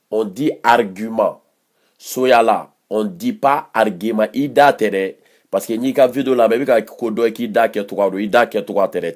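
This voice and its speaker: A man's voice: lowish voice, darkish tone. A man with a Malian accent giving heated political commentary, combative and mocking, repeating phrases for emphasis.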